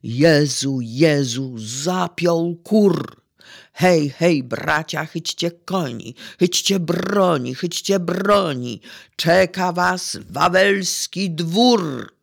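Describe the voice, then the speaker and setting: A reader voicing a despairing young peasant man who shouts loudly and urgently, drawn out, in a gravelly voice. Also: medium pitch, lively intonation, drawn-out words, full character voice. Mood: desperate.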